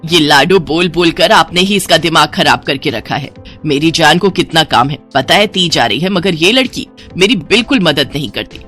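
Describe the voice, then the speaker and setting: A woman's voice: sits low, expressive, moderate pace, a bit bright, soft background music. A woman doing a nagging, exasperated mother. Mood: exasperated, scolding. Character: middle-aged scolding mother, quick-tempered.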